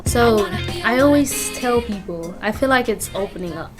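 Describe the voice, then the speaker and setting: A woman's voice: mid-range voice, lively intonation, normal speed. A young woman from Kenya, talking earnestly and reflectively in a casual interview at a community center. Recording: music playing under the voice.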